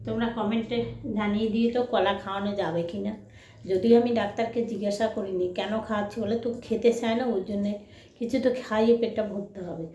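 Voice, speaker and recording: A woman chatting casually to her viewers at home while coaxing her dog to eat in high baby talk. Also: fairly even intonation, fast, warm tone, roomy sound, slight background noise. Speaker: vlogger.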